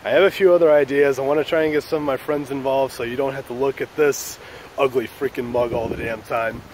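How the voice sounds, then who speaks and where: A man's voice: mid-range voice, steady tone, quick pace, background noise. A man hosting his own channel, telling a story in a loose, joking, profane way. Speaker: channel host. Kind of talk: casual storytelling vlog.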